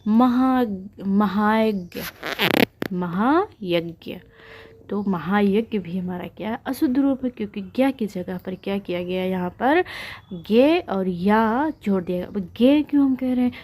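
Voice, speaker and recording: A woman's voice: medium pitch, moderate pace, dark tone, slight background noise. Lady teacher going through a lesson, keeps asking and then answering her own questions. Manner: explains with questions she answers herself. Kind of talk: online lesson.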